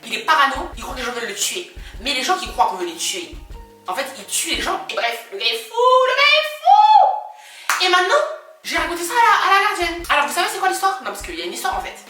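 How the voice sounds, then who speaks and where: A woman vlogger retelling a story in an animated, dramatic way, laughing often, recorded at home in an echoey room with faint music underneath. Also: sits high, fast, far from the mic. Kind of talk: storytime vlog.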